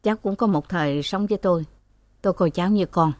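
A woman reading the lines of a sly older man who quietly mocks his guests, in an audiobook. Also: on the low side, fast talker, dry recording, close to an everyday voice.

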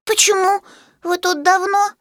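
Woman doing a squeaky, pleading pug puppy. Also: little pitch movement, a little slow, a bit bright, no echo, clean studio sound. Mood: eager. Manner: pleading, whimpering. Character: small female pug puppy, timid and hopeful. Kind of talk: storybook reading.

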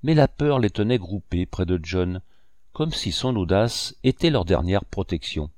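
Deep-voiced male audiobook narrator. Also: lively intonation, measured pace, darkish tone, dry recording, clean studio sound. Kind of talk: scripted narration.

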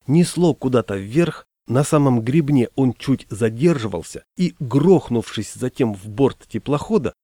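A man narrating an audiobook in a measured storytelling manner. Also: mid-range voice, warm tone, no echo, studio quality.

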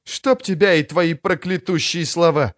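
A man's voice: fairly high pitch, measured pace, pitched above the performer's own voice, natural voice. A man voicing a furious, tough woman thief. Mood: angry. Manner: sharp, angry outbursts. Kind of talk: audiobook character voice.

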